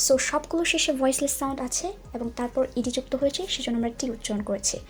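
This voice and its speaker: A woman with a high voice teaches pronunciation in a patient, careful way. She says each word slowly and repeats it for her learners. Faint music plays behind her. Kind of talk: explanatory language lesson.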